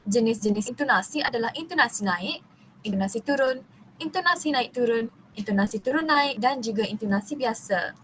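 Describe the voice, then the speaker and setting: A young woman from Malaysia reads a university class presentation in a fairly high voice. She keeps a steady, careful pace but trips over long technical words and starts them again. A faint hiss sits under the recording. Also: a little fast, poor audio. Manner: reads steadily, stumbling and restarting on long terms.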